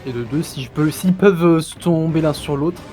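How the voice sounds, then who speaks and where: A man's voice: fairly high pitch, a little fast, dark tone. A man playing in a tabletop game, hesitantly describing what his character does. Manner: hesitant, many restarts and fillers. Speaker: player. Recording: music behind the voice.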